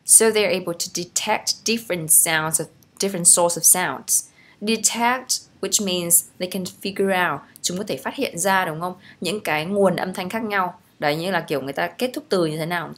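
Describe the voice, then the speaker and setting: A woman's voice: on the low side, normal speed, a bit bright. Woman teacher explaining English phrases. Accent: Vietnamese. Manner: switches between English phrases and explanations, checks with "right?". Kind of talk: language lesson explaining phrases.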